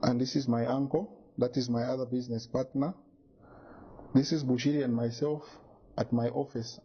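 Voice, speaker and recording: A man's voice: mid-range voice, little pitch movement, moderate pace, muffled recording, a little hiss or hum. A man giving an interview, insistent and indignant as he talks through his evidence. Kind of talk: press interview.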